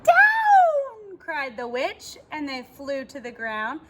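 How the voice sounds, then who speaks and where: A woman teacher reading a rhyming picture book aloud to children, expressive and pausing to ask her listeners questions. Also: sits high, heavy background noise.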